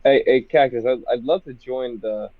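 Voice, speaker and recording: A man in a group voice chat playing a tabletop role-playing game, switching between halting formal in-character speech and casual talk. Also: medium pitch, no room sound, narrow, tinny audio. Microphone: phone in an online voice chat.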